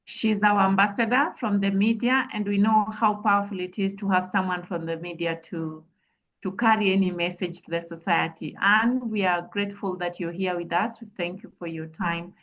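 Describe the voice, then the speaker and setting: A woman's voice: medium pitch, steady tone, moderate pace, a bit bright. A woman moderates a Q&A session on a video call, formal and polite. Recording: dull lo-fi audio.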